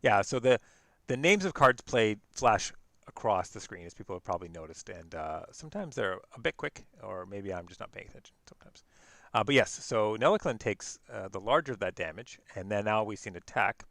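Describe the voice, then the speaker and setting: A man giving casual play-by-play commentary on a card game, relaxed and quick to laugh. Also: fairly low pitch, gravelly, no echo. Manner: relaxed, laughs easily, self-correcting.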